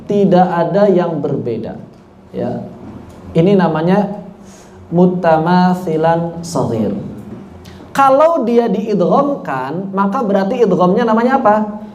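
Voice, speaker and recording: A man's voice: high-pitched, big pitch swings, darkish tone, lo-fi sound. Indonesian man teaching tajwid in an echoey room. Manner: questions and answers himself, chants examples slowly; chatty asides with a laugh. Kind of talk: online Quran recitation lesson. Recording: echoey room with faint ambience.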